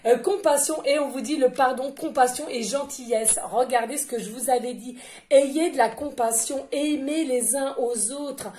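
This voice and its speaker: Woman medium, high voice, chatty rambling card reading, echoey room. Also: moderate pace, a little mellow. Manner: chatty, rambling, laughing, addresses listeners as friends. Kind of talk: casual spiritual card reading.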